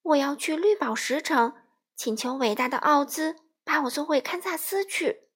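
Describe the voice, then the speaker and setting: A woman's voice: high voice, moderate pace, natural voice. A woman voicing a polite, curious young girl in a children's storybook reading. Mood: earnest.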